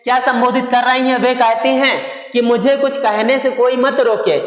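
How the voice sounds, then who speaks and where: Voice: medium pitch, fairly even intonation, moderate pace. Teacher in a reverberant echoey room. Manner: repeats questions and answers them, rephrases with synonyms. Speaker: Hindi teacher. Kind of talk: explaining a Hindi poem for exam students.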